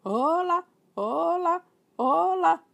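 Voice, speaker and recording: Lady doing a super high loud parrot squawk, kinda gravelly. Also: animated, extremely slow, full character voice. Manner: loud shrill repeated greetings. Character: squawking talking pet parrot.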